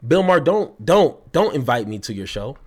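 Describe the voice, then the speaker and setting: A man's voice: mid-range voice, very animated, normal speed. A man giving an angry reaction commentary, heated and mocking, stumbling over his words when worked up.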